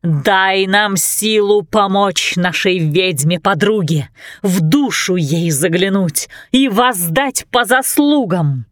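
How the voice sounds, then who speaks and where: A woman voicing a scheming eldest witch sister who speaks slowly and intensely. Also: mid-range voice, animated, no echo, clean studio sound. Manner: slow, intense incantation.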